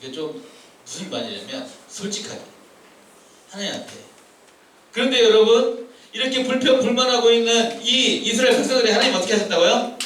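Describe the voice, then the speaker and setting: A high-pitched, bright male youth pastor preaches in a chatty, questioning way and slips into whiny complaining voices. He is heard from a distance in a very echoey church hall with faint background noise. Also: expressive, fairly quick, long pauses. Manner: conversational, asks the students questions; acts out complaining voices, shifting loud and soft. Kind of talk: sermon. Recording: echoey room from far off.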